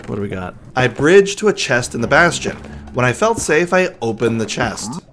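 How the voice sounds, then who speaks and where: A man's voice: medium pitch, big pitch swings, normal speed. Chatty man narrating his gameplay. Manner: chatty, drops to a hushed whisper when sneaking. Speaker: gaming YouTuber. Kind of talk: casual gameplay commentary and narration. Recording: faint music underneath.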